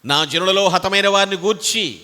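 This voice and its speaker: A male pastor delivering a sermon, swinging between loud exhortation and quiet asides. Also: high-pitched, normal speed. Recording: reverberant hall.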